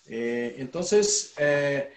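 A middle-aged man with a Brazilian Portuguese accent, a native Portuguese speaker, presenting informally in halting Spanish mixed with Portuguese, searching for words. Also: fairly high pitch, animated. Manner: speaks slowly and deliberately. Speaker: musician and performing arts teacher. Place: small indoor room full of percussion instruments. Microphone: video call, a little away from camera. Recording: roomy, echoey video call.

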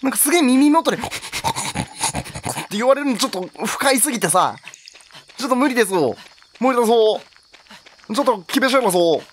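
Jumpy, wildly animated male game commentator. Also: very high-pitched, fairly quick, pauses often, a little hiss or hum. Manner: jokey, yelps and exclaims at scares. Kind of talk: horror game let's play commentary.

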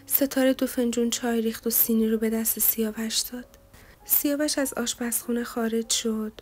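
A woman narrating a romance novel in a soft, hushed, even reading voice. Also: on the high side. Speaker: audiobook narrator.

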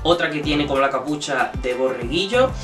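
Young man, slightly high voice, chatty animated haul vlogger, echoey room with music behind. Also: brisk, recorded from a distance. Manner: chatty, animated, jokey asides. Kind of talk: casual haul vlog. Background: background music.

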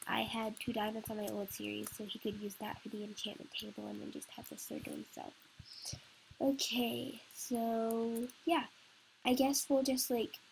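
A woman's voice: a little high, vocal fry, darkish tone, a little hiss or hum, poor audio. A woman hosting a game let's play, talking hesitantly and rambling with many fillers into a computer mic. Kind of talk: casual gameplay commentary.

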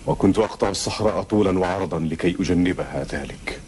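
An actor playing an earnest, devoted Bedouin brother in a historical TV drama, speaking emphatic formal Arabic. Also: male voice, deep voice, fast, darkish tone, natural voice. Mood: distressed, earnest. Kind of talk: solemn classical Arabic historical TV drama acting. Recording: old TV soundtrack with background noise.

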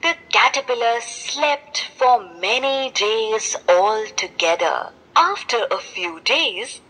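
Slow, lilting woman reading a story. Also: fairly high pitch, pushed and bright, breathy edge, rough recording. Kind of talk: reading a children's story aloud.

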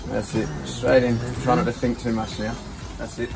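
A man's voice: mid-range voice, level tone, moderate pace, vocal fry, background noise. An Australian man coaching casually with short, encouraging instructions. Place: small brick room, indoors. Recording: loud music under the voice.

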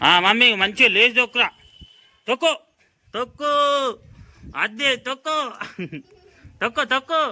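A man's voice: very high-pitched, lively intonation, a little slow, pauses often, pushed and bright. A man with a Telangana accent, filming a family vlog outdoors and coaching a child with repeated, urging commands. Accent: Telangana Telugu. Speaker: family vlogger. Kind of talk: casual coaching while filming.

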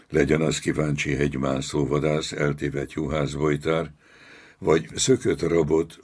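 A man narrating a novel as an audiobook, measured and dramatic. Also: rumbling low, husky. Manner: slow, measured, dramatic storytelling.

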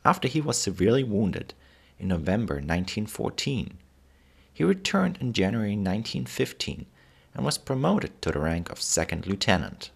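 A man's voice: lowish voice, big pitch swings, normal speed, vocal fry, breathy edge. A man with a German accent narrating history from a script as channel host, pronouncing w as v.

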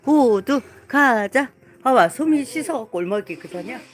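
A woman's voice: a little high, animated, normal speed, poor audio. A woman streaming live and coaxing her pet dog to come and get washed. She repeats herself over and over in a sing-song tone and breaks into chuckles. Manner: coaxing, repetitive, laughing often. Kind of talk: casual live stream talk.

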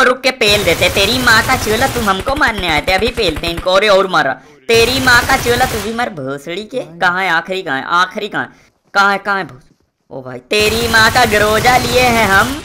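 A young man giving live gameplay commentary, boastful and swearing at opponents while calling out to teammates. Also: sits high. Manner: excitable, shouting out calls to teammates. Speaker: gaming streamer.

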